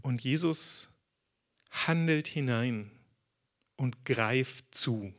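A man preaching a sermon in a conversational, lively way, acting out quotes as he tells the story. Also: mid-range voice, very slow.

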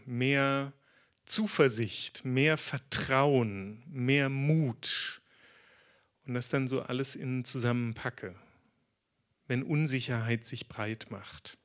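Slow-speaking male preacher, relaxed sermon. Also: mid-range voice. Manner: conversational, animated storytelling with acted quotes.

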